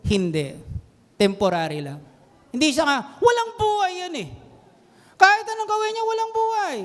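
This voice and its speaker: A man preaching a sermon to a congregation, animated and mixing English phrases in, often putting questions to his listeners. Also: very high-pitched. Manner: animated, mixes English into Tagalog, quizzes the congregation. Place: church hall. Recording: long hall reverb.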